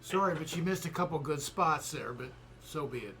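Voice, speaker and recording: A man's voice: on the high side, expressive, normal speed, pushed and bright, slight background noise. Older man wisecracking over group voice chat. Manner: wisecracking, laid-back. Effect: heard over a group voice chat. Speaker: co-host. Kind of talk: casual chat.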